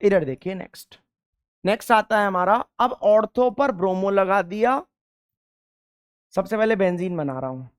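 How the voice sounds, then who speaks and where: A male chemistry teacher lecturing a class, asking questions and answering them himself, and repeating key terms slowly. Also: high-pitched, smooth.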